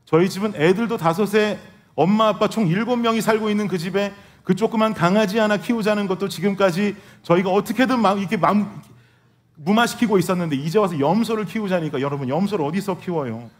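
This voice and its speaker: A man's voice: high-pitched, fairly quick. A male pastor preaching a sermon, telling a humorous family story and speaking directly to his congregation. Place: church sanctuary.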